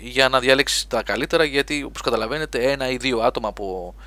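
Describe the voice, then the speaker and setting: Bright-voiced male webcast host. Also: mid-range voice, dry recording. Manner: lively, reads listener chat aloud. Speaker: podcast host. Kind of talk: live gaming webcast chat.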